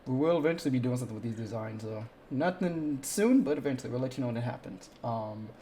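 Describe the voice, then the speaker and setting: A man's voice: medium pitch, expressive, quick pace, warm tone, slight background noise. A man running a tabletop game who chats casually and swears easily. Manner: laid-back, swears casually. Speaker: game master. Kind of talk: casual livestream chat.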